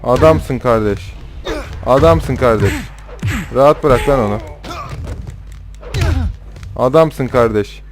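Music plays behind a young man who narrates his own gameplay slowly in a mid-range voice, leaving long pauses. His let's-play commentary is casual and rowdy, full of swearing and trash talk aimed at the game's characters.

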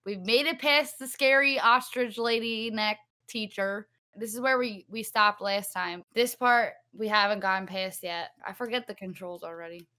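A woman's voice: mid-range voice, moderate pace, few pauses, pushed and bright. A young woman game streamer giving casual, slangy commentary, partly talking to herself as she plays. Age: young adult. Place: small indoor streaming setup. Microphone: streaming microphone close up, headphones on.

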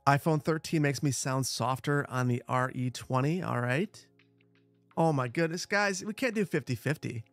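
A man with a boomy, bass-heavy sound on a close broadcast microphone, chatting casually and repeating short phrases as he hosts a gaming livestream. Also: normal speed, a bit bright, no room sound, faint music behind. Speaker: livestream host, gamer. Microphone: close broadcast dynamic microphone.

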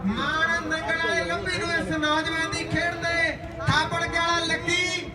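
A man with a Punjabi accent calls a rural kabaddi match in a very high, fairly monotone pitch. He runs through raids and players with bits of verse. The sound is echoey and distant, with crowd noise around him. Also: a little slow. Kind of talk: running rural sports commentary with recited verse. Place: outdoor sports ground.

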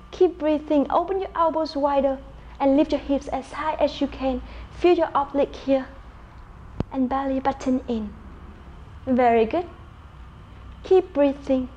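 A woman's voice: sits high, darkish tone, slight background noise. A young woman instructing a mat workout, giving directive cues and counts in an encouraging way. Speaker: pilates instructor. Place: bright room at home with wooden floor, indoors.

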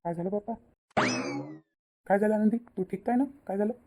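A man's voice: high voice, brisk, dark tone, lightly acted. A man voicing a protective, agitated younger brother and husband.

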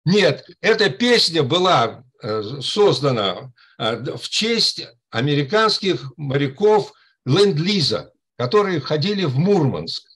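This is a man in his eighties speaking into a webcam from his room at home. His voice is husky and sits a bit high. He rambles through his points, restarting words and hesitating often. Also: very animated, takes it slowly, fairly bright tone. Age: 80s. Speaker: club member commenting. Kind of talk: casual chat on a video call. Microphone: webcam on a video call.

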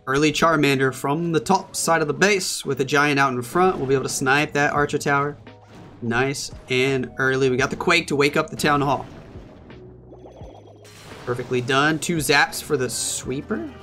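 A man giving excitable solo play-by-play commentary on a strategy game match. His voice is bright and a touch higher than most, and soft music runs underneath. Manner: excitable, quick reactions. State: hiccups. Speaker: esports caster.

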